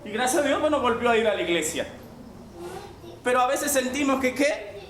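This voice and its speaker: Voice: high-pitched, expressive, fairly quick. A preacher delivering a sermon, often calling the listeners brothers and asking rhetorical questions. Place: church sanctuary. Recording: echoey hall, mic from far off, faint noise.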